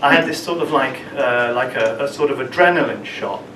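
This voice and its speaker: A man telling a personal story at an open mic, halting and often repeating words as he goes. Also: medium pitch, a bit bright. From London, England. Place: small open mic venue in a room. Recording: roomy, distant, with room ambience noise.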